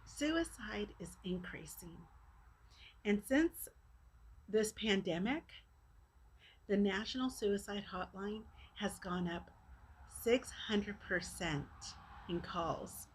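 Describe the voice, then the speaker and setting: A woman giving an earnest personal video message to supporters, speaking haltingly in short phrases as a charity fundraiser. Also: medium pitch, low-quality recording. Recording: clear background noise.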